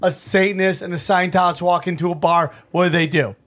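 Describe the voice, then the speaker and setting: High-voiced joking podcast host. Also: male voice, steady tone, quick pace, a bit bright. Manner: playful, interrupting, mock-earnest.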